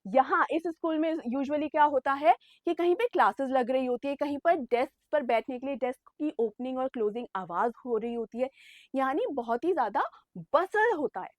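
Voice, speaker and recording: A young woman teaches an English chapter to exam students in a high voice, recorded dry and close. She mixes English phrases into her explanation and calls the students "beta". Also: animated, moderate pace, no echo. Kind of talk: online exam-prep lesson.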